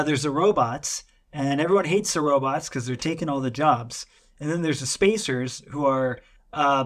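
A man co-hosting a book podcast, summarizing a story in a chatty, rambling way with filler words. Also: on the high side. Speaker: podcast co-host. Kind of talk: casual podcast chat.

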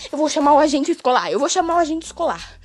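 A woman voicing an anxious, flustered female schoolteacher who talks in hurried reassurances, over faint music. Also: sits high, big pitch swings, pitched above the performer's own voice.

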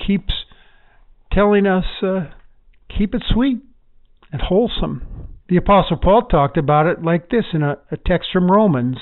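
Male pastor, slightly high voice, gentle devotional teaching, narrow telephone-like sound.

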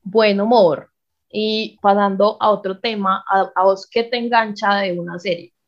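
A woman's voice: mid-range voice, steady tone, normal speed. Slangy Colombian woman, dull lo-fi recording. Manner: informal, slangy, mixing English words into Spanish. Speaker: podcast co-host. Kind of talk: casual, chatty podcast talk.

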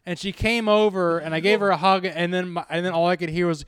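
A man telling a story in casual chat, swearing a lot and acting out quotes in put-on high voices. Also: fairly even intonation, fast talker, smooth, no room sound.

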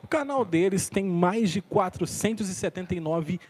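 Disembodied male co-host, unseen announcer type, playful and teasing, lively, slightly high delivery. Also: normal speed. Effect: disembodied off-camera voice, never seen. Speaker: off-camera co-host. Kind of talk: casual live show banter.

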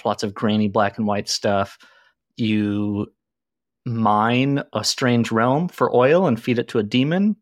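Man, casual podcast guest, self-deprecating, middle pitch, dry close sound. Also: dry recording. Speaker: podcast guest, game designer. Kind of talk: casual chat.

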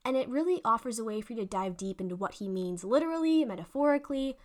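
A young woman hosting a faith podcast, talking in a fast, excited, gushing way. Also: a little high. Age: young adult. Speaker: podcast host. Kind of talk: casual faith podcast monologue.

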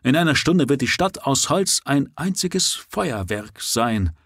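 A man's voice: mid-range voice, wildly swooping pitch, takes it slowly, husky, no room sound, clean studio sound, voice pushed up, heavily acted. A man voicing a frenzied male writer who bursts into wild, exultant exclamations. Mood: frantic. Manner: wild exclamations, rising to shouts.

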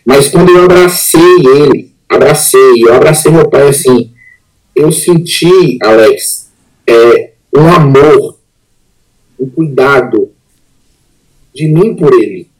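A man, a pastor giving an emotional personal testimony as a podcast guest, earnest and halting, often repeating words. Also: mid-range voice, faint music behind, rough recording.

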